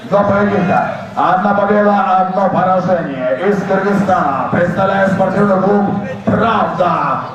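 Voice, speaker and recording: A man working as a ring announcer, introducing fighters formally and ceremonially with drawn-out names. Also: high-pitched, far from the mic, lo-fi sound. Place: large indoor fight hall. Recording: echoey hall from afar, crowd noise. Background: crowd noise.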